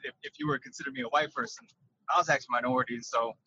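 A man calls in from inside his truck, and his voice comes through with a windy, tunnel-like rush. His tone is husky yet bright, and the recording is muffled and lo-fi. He speaks haltingly and circles back over his words. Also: medium pitch, fairly even intonation. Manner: halting, repeats words while thinking. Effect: windy, tunnel-like truck-cab sound. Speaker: podcast guest. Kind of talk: casual interview over a call.

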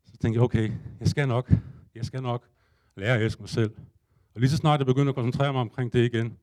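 A man's voice: medium pitch, steady tone, a little mellow. A man telling a comic first-person story to a live audience, acting out his own panic and thoughts with casual swearing.

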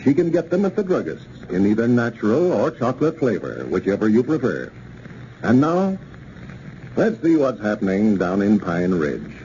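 Old radio announcer, a lively folksy man. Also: fairly low pitch, moderate pace. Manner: folksy, addresses young listeners directly. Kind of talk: old-time radio announcer, scripted sponsor message and story introduction. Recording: dull, noisy old radio recording.

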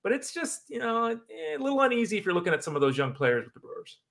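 High, quick sports talker. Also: male voice, very animated, creaky, a bit bright. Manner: quick, exasperated, rapid-fire lists. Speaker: podcast co-host. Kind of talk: casual sports talk.

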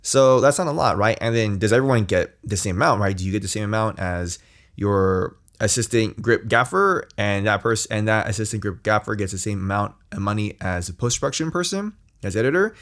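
Guy with a lowish voice rambling thru podcast tips, lots of restarts. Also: lively intonation, a little fast, fairly bright tone. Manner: rambling, many restarts and "right?" tags. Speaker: podcast host. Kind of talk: casual advice monologue.

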